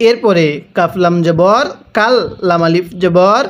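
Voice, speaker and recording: A patient Quran reading teacher talks very slowly. He spells out each syllable and then has listeners repeat the word after him. His pitch sits in a middle range. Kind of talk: slow spelled-out recitation lesson.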